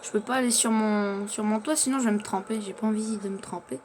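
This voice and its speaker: A man's voice: sits high, fairly even intonation, a little fast, slight background noise. A man playing in character, chatting through his survival game and narrating what he does, often stumbling over his words. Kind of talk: in-character survival gameplay commentary.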